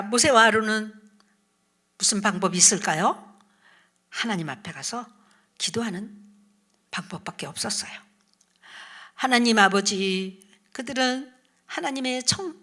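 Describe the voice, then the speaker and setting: Bright-voiced woman telling a children's Bible story. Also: mid-range voice, moderate pace, pauses often, breathy edge. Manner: animated storytelling with questions to children and soft whispered asides. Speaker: children's ministry evangelist.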